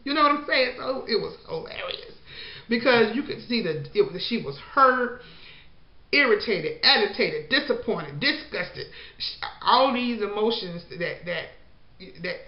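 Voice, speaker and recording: A woman recapping a show in a casual, chatty way, full of "you know" and "like," and slipping into the voices of the people she quotes. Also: mid-range voice. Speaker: show reviewer. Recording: echoey, dull lo-fi room sound.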